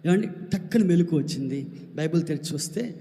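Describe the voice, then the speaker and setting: A man's voice: on the high side, expressive, brisk, in a large hall. A man preaching a sermon as a pastor, telling a personal testimony and calling out questions to the congregation. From Andhra Pradesh, India. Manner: builds to shouted preaching.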